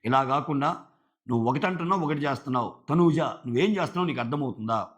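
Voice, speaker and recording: A man's voice: mid-range voice, lively intonation, quick pace. A man reviewing a reality show in casual commentary, retelling scenes and quoting the contestants.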